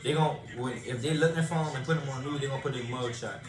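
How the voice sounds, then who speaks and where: A man's voice: medium pitch, quick pace. A young man in a casual group discussion, talking animatedly and repeating himself to make his point. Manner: animated, repeats words, presses to be heard. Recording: echoey room with music behind.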